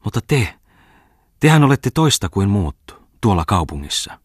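A playful, eager young pianist calls out in teasing exclamations, as a man reading a story puts him on. His voice is pushed up from a low, husky base. The recording is dry and close, as in a storybook reading. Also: dry recording.

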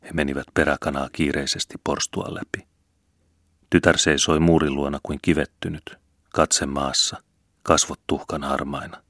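A man reading a novel aloud as audiobook narrator, measured and steady, on a close mic. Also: a bass voice, no echo. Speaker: audiobook reader. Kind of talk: scripted narration.

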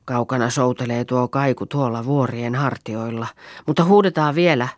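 A woman's voice: extremely low pitch, dry recording, studio quality. Woman doing Auno, a bold lost farm girl. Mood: urging. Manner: calls out loudly, urging the others on. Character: frightened farm girl lost in the forest at night.

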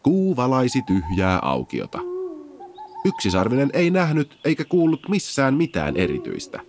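A man reading a children's fairy tale aloud, expressive and gentle. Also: mid-range voice, a little hiss or hum. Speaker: storyteller. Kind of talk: children's audiobook narration.

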